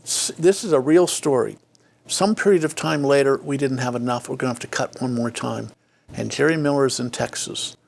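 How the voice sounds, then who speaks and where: In a reflective interview, a former state official, now an older man, recounts his career in a creaky, medium-pitched voice. He restarts often, fills pauses, and performs the dialogue he quotes.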